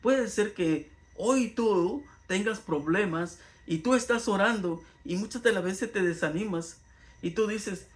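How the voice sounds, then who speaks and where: A man's voice: high voice, measured pace. A man giving an earnest Bible lesson in sermon style, his voice rising and falling for emphasis. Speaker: Bible teacher.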